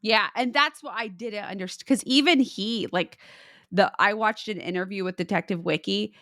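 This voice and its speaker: A young woman co-hosting a podcast chats casually with lots of fillers, recorded remotely on her own mic. Her mid-range voice moves at a moderate pace with a fairly bright tone, and the studio sound is clean with no echo.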